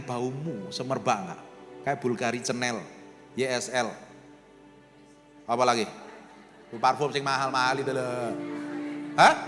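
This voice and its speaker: A male pastor with an East Javanese accent preaching a lively sermon to his congregation, teasing them and acting out little quotes. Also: medium pitch. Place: church service hall. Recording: reverberant church hall with music.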